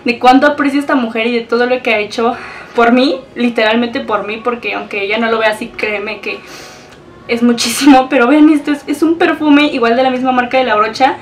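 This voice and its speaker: A woman's voice: on the high side, fairly even intonation, fairly quick, a little hiss or hum. Gushing Mexican woman, slightly distant mic. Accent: Mexican Spanish. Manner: gushing, emotional, exclamatory. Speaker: beauty vlogger. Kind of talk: unboxing vlog.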